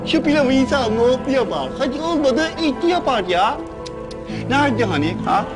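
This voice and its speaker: A man's voice: very high-pitched, very animated, normal speed. A man acting in a comic sketch, whiny, wheedling and pleading. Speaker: comedy sketch lead. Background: loud background music.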